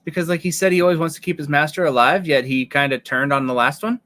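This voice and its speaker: Bright-voiced man running a game. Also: on the high side, fast talker, dry recording. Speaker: game master. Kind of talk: narrating a tabletop game.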